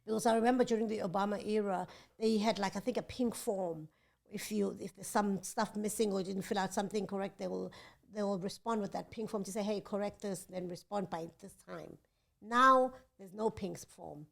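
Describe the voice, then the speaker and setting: Gravelly South African woman chatting. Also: medium pitch, a little fast. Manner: animated, talks over her partner. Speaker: podcast co-host. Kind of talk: casual chat.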